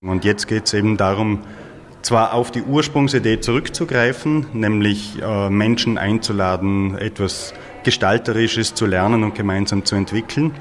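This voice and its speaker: A man, the organizer of a festival, answering interview questions thoughtfully, pausing with fillers. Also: fairly low pitch.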